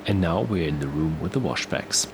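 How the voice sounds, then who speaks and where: Low creaky guy narrating a tour, pitch moves around a lot, noisy background hum. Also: lively intonation, normal speed. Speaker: tour presenter.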